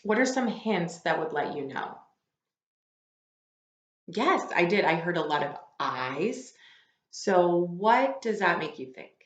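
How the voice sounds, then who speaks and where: Slowly and with long pauses, a lowish-voiced teacher reads a book to her class in a sing-song manner, chatting and asking questions along the way. The echoey recording has its highs cut off.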